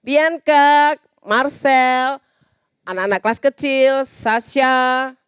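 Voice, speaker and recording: A young Indonesian woman teaching a children's church lesson, patient and animated as she talks to little kids. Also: high voice, slow pace, smooth, no room sound, clean studio sound. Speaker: Sunday school teacher.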